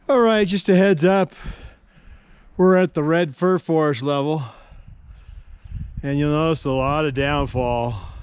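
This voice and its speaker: A man's voice: on the high side, a little hiss or hum. A man narrating his day hike on a mountain trail, easygoing and joking, a bit out of breath, recorded outdoors on a handheld camera. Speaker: hiker vlogger.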